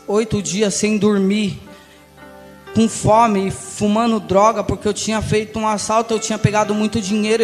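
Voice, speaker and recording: A young Brazilian man giving an emotional church testimony, passionate and swinging between hushed and loud. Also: sits high. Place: large church hall. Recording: reverberant church hall with music.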